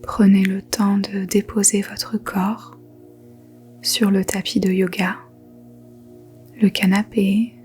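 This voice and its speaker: Faint music sits beneath a woman's soft, whispery voice as she guides yoga nidra. She speaks very slowly and evenly, close to a single pitch, giving gentle, soothing instructions separated by long pauses.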